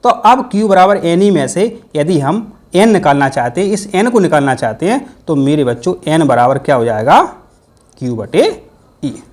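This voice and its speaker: A man's voice: a little high, sing-song, moderate pace. A man teaching a physics exam-prep lesson, playful and full of repeated mnemonics. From India.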